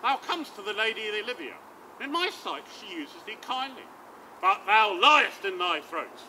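A man's voice: sits high, very animated, normal speed, full character voice. A man playing boisterous Sir Toby. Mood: mocking. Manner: loud, swaggering, theatrical. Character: boisterous, scheming old knight. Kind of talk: open-air stage acting. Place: outdoor stage. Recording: outdoor recording with traffic noise.

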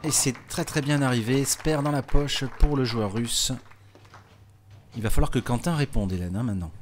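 A man's voice: mid-range voice, normal speed. Male sports commentator, conversational, explains every shot; light background noise. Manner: chatty, explanatory, with frequent hein and euh fillers. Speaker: bowling commentator.

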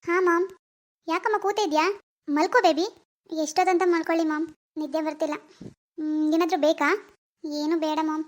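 A performer voicing a grieving young wife, weary and bitter after losing her baby, in an animated drama. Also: extremely high pitch, normal speed, pauses often. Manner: weary, bitter and self-pitying.

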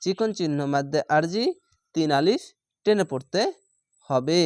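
A man teaching Quran reading, sounding out each letter and syllable slowly and patiently in a step-by-step lesson. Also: a little high, expressive, no echo, clean studio sound. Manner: slow, drawn-out syllable-by-syllable recitation.

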